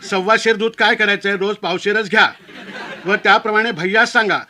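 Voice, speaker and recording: A man voicing a prim, practical young wife who reads out her plain household letter slowly. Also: high-pitched, steady tone, sharp tone. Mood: matter-of-fact.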